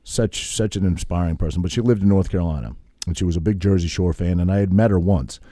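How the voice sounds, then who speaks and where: A man's voice: low-pitched, quick pace, dark tone, no room sound, studio quality. A man in his thirties co-hosting a podcast, telling stories in a casual, profane way and laughing at himself. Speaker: podcast co-host.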